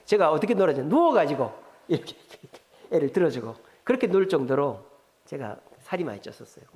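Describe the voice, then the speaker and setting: A man's voice: a little high, sing-song, fast, a little mellow. A middle-aged pastor with a Gyeongsang Korean accent, preaching in a chatty way, quizzing his congregation and telling jokes. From South Korea, Gyeongsang region. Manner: conversational, asks the congregation questions, jokes. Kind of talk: sermon. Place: church sanctuary. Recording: long hall reverb in a church.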